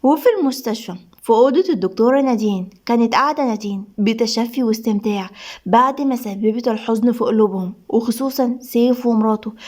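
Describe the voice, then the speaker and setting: A woman's voice: on the high side, darkish tone. A woman with an Egyptian accent narrating a serialized drama story in a swift, dramatic way. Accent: Egyptian Arabic.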